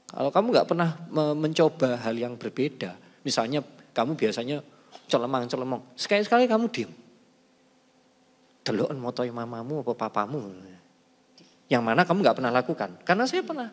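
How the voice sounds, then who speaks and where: A man telling personal stories in a casual talk, shifting between soft asides and loud emphasis. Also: medium pitch. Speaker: talk show speaker. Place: large church hall. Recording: hall with long reverb.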